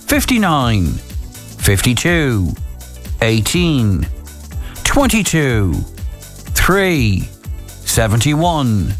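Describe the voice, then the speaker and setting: An Irish man working as a radio bingo caller, reading out numbers pair by pair in set calling phrases. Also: mid-range voice.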